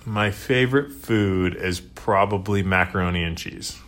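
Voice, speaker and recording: Low-voiced hesitant podcast co-host. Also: male voice, a little slow, a bit bright. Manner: hesitant, many fillers, laughs while talking. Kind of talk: casual chat.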